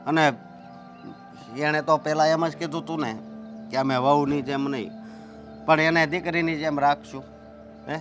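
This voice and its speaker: A young man playing a son who calmly soothes and reasons with his upset mother. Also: on the high side, moderate pace, long pauses, faint music behind, natural voice. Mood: reassuring.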